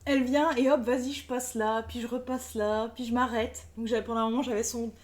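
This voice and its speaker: A woman's voice: on the high side, fairly even intonation, brisk, darkish tone. A woman chatting casually and playfully as a live streamer, colloquial and sweary, often cooing affectionately. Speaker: live streamer, craft vlogger.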